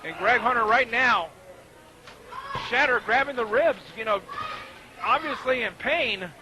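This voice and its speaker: A man's voice: very high-pitched, lively intonation, a little slow, crowd noise. A man giving color commentary on a live wrestling match, explaining moves in a conversational way. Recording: noisy live event recording.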